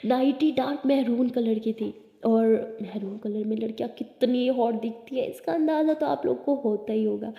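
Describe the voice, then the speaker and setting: A woman's voice: fairly high pitch, normal speed, gravelly, few pauses, narrow, tinny audio. A woman narrating a romance story in a casual, chatty way, acting out each character's lines herself. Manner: chatty, acts out dialogue. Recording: echoey room with long reverb.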